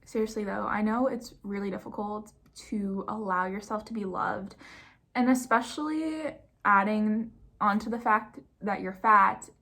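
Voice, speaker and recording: A woman's voice: medium pitch, a little slow, fairly bright tone. A young woman in her twenties chatting candidly and casually at home, giving frank advice and swearing freely. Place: home room.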